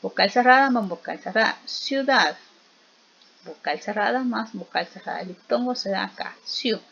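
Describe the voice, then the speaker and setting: Woman teacher going slow thru a lesson, says each example twice, kinda muffled lo-fi audio. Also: medium pitch, creaky, a bit bright, husky. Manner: slow, patient, repeats vowels and examples aloud; asks the listener to repeat after her. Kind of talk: recorded spelling lesson.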